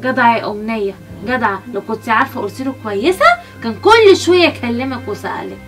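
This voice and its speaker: Actress as a fearful young Egyptian woman; high voice, quick, hushed worry. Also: lively intonation, soft background music. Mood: worried. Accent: Egyptian Arabic. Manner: soft, anxious, pleading. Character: worried young woman confiding in her friend. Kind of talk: family web drama acting.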